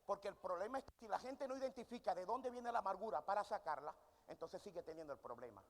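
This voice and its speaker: A man's voice: high-pitched, expressive, fast. A man preaching a sermon in a church hall. He poses questions to the congregation and answers them himself. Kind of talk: sermon with audience call-and-response. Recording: long hall reverb.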